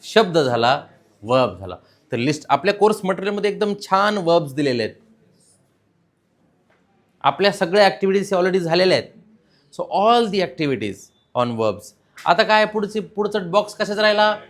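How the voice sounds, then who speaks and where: A man's voice: high-pitched, big pitch swings, moderate pace, long pauses. A man with a Marathi accent teaching English grammar to a class, mixing in English words and quizzing his students. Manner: mixes in English words, asks the class questions. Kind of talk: classroom lesson.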